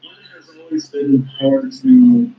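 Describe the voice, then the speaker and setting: A young man being interviewed in casual chat, listing his hobbies with frequent fillers and pauses. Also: very high voice, very animated. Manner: hesitant, lists his talents with fillers. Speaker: guest. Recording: dull lo-fi audio.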